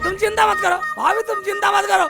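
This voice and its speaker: An actor playing a bumbling, foolish man who wails, blubbers and shouts theatrically in a comedy film, with music underneath. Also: very high voice, little pitch movement, brisk. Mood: blustering. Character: bumbling foolish man Sheikh Chilli, loud and weepy. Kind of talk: low-budget comedy film acting. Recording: background music under dialogue.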